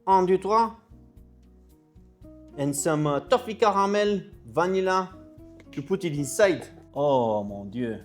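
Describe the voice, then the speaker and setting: A man playing an excitable French chef with a French accent, giving a casual, exclamatory step-by-step cooking tutorial. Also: high-pitched, slow pace, long pauses, soft background music. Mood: delighted. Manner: exclamatory, sprinkles in French interjections and kitchen sound words. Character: excitable French chef, a man, teaching soufflé with fussy delight. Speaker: cooking show presenter.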